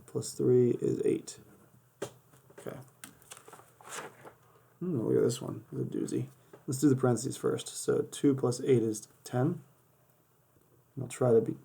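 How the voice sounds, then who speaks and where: A man with a gravelly, mellow, slightly rough mid-range voice walks through a casual, step-by-step math lesson of worked examples as his voice fails him. The mic is a camera over a desk filming paper and hands.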